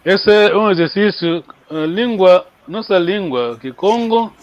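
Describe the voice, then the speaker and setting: A man's voice: high voice, animated, a little slow, muffled recording. A man teaching a language in a live online lesson, chatty and coaxing, repeating words for students to practise.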